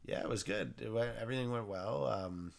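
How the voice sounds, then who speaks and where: A man's voice: lowish voice, fairly quick, creaky. A man co-hosting a podcast, chatting casually and teasing playfully. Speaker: podcast co-host. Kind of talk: casual chat.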